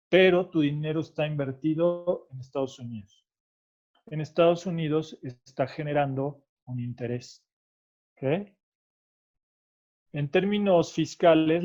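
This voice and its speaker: This man, a tax expert guest, speaks with a Mexican Spanish accent, his fairly high-pitched voice carrying a darkish tone over dull audio. He walks through tax rules patiently and explanatorily, tacking "¿ok?" onto each point to confirm the listener is following.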